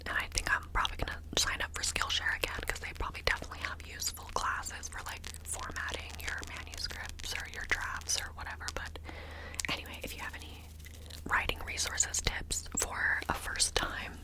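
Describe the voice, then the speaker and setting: Whispering woman in a close ASMR ramble. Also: rough recording. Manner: whispering close to the mic, ear to ear; informal, meandering, with repeated words. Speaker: ASMR video creator. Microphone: close ASMR microphone.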